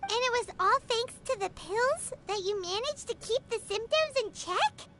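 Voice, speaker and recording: A tiny, excitable female companion creature reading game dialogue. Her voice is extremely high and squeaky, with intonation that swoops all over the place. She sounds chirpy and quick to react. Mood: curious. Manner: chirpy, bouncy and fast-reacting.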